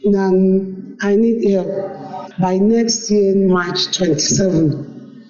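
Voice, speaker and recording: A middle-aged Nigerian woman leaving a halting, pleading voice message, asking for help and repeating herself. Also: medium pitch, warm tone. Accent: Nigerian English. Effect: played back voice note. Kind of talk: recorded voice message. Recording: dull echoey voice note recording.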